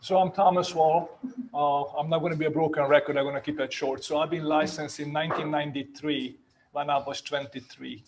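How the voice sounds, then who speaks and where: A man in his fifties with a Hungarian accent and a slightly high voice tells his career story as a real estate agent on a panel. He talks briskly with fairly even intonation, chatty and self-mocking, and keeps adding "right?" tags. The recording is low quality with slight background noise.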